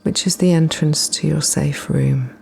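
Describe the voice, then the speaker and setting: A woman leading a guided meditation in a soft, breathy, often near-whispered voice, soothing and gently instructing with unhurried pauses. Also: deep voice, fairly even intonation, a little hiss or hum. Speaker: guided relaxation practitioner.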